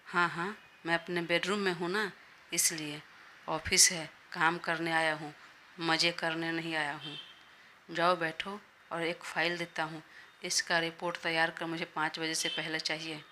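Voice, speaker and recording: A woman takes on a short-tempered young boss in a storybook audio drama. He sounds gruff and scolding. His voice sits low, bright and flat, with a faint hiss behind it. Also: a little slow. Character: irritable young male boss.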